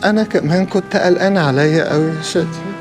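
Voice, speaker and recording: Picture an actor playing a jumpy, jealous Egyptian man in a TV drama, quick to tease and flare up. His voice sits high and his words tumble out fast. A music score plays underneath. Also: natural voice. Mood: mocking. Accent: Egyptian Arabic. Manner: teasing, mocking, quick to flare up. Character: excitable, jealous man just cleared of a charge. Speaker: freed defendant. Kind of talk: TV comedy-drama acting.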